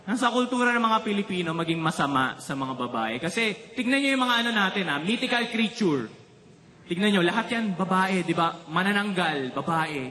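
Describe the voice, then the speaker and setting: A man's voice: high-pitched, fairly quick, roomy sound. A man from the Philippines doing a stand-up comedy routine, telling stories and teasing the audience. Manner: animated storytelling, teasing the crowd.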